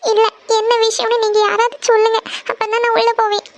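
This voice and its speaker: A woman's voice: very high-pitched, little pitch movement, fairly quick. A woman voicing a devoted young eldest daughter in a cartoon family serial, pleading insistently.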